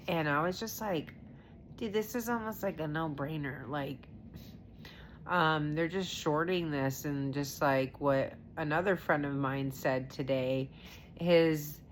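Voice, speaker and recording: Low-voiced woman rambling about trading. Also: a little hiss or hum. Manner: rambling, with many fillers and restarts; acts out her own past reactions in quotes. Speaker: stay-at-home mom sharing her stock trades. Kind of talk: casual rambling vlog chat.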